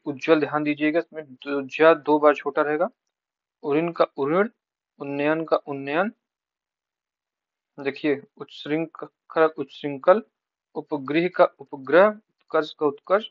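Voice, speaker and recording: A man's voice: on the high side, dry recording. Man drilling spelling words, dry lo-fi. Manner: rapid rote listing, repeating each word with brief tips. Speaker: teacher. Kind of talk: exam-prep spelling lesson, reading word lists.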